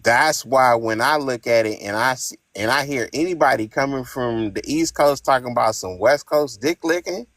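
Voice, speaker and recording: A man in his fifties from Northern California calls into a live-streamed, casual podcast chat, telling heated, profane stories in a blunt way. His voice sits in the mid range with a fairly bright tone, and there's no room sound.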